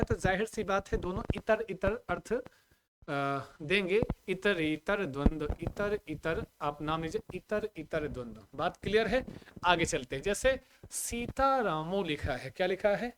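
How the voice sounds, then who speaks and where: High-voiced male Sanskrit teacher. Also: background noise. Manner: drills students with repeated questions and checks on the audio; recites Sanskrit compound examples in a measured, chanting way. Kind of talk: live online grammar class.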